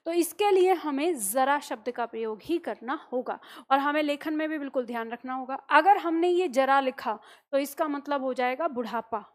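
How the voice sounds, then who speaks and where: A woman teaching a grammar lesson, explaining step by step and asking rhetorical questions that she answers herself. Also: sits high. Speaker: Hindi teacher. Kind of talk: classroom-style grammar lesson.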